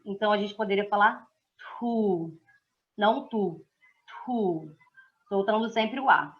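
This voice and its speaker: A woman's voice: medium pitch, muffled recording. A young woman with a Brazilian Portuguese accent giving a class presentation, explaining sounds patiently and repeating each one for listeners. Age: young adult. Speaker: student presenter.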